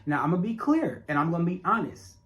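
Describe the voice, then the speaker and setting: A man narrates his own documentary through a casual, direct-to-viewer monologue, emphatic and prone to repetition, while dealing with a stutter and a speech impediment. He talks fast in a sing-song, fairly bright voice that sits on the high side.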